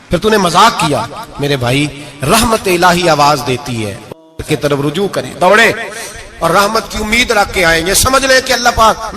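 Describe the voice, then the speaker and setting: A man's voice: on the high side, bright, forceful tone. A male preacher, giving an emotional sermon and putting questions to the congregation. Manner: rhetorical questions to the congregation, rising to emphatic peaks.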